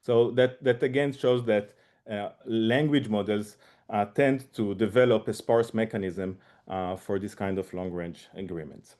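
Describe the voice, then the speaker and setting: A man's voice: on the low side, measured pace, a little mellow. Hesitant man giving a research seminar. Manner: hesitant, many fillers and restarts. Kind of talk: academic seminar talk.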